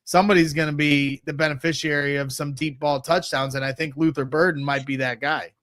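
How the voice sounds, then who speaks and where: A podcast guest talks sports with a fan's excitement. His voice is bright, smooth and a little high, recorded dry with no echo. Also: brisk. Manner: eager, excited fan talk. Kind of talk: casual sports podcast chat.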